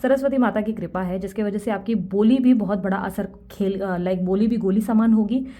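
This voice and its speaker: A young adult woman giving a tarot reading, talking fast and earnestly and mixing English words into her Hindi. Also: mid-range voice, warm tone. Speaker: tarot reader.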